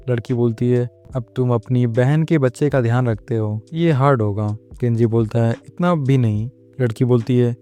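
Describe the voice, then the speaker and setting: A man's voice: mid-range voice, warm tone, clear, resonant tone. A man narrating a manga plot recap, retelling scenes line by line and reading the characters' lines in his own plain voice.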